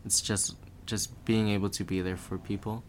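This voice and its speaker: A young man chatting casually as a podcast guest, talking in a relaxed, rambling way with lots of filler words. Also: on the low side, normal speed, slight background noise. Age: young adult.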